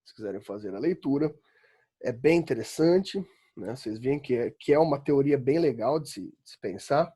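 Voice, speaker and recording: This São Paulo man, a law school philosophy professor, gives an online lecture from home during quarantine in a medium-pitched, warm, husky voice that is expressive and moves at normal speed. His Paulista Brazilian Portuguese is chatty and emphatic, with frequent "né?" and moments of exasperated ranting.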